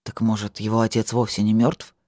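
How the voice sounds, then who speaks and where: Brief: grim dragon-blooded man, low, slow and heavy, dry close sound, read by an audiobook narrator. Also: little pitch movement, dry recording, lightly acted. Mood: grave. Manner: quiet, measured, heavy.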